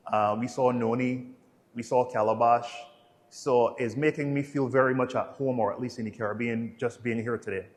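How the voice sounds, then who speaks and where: Speaking at a normal speed with medium pitch and fairly even intonation, a thirtysomething travel vlog host from Barbados carries a Bajan accent. His casual travel narration and interview answers are easygoing and colloquial.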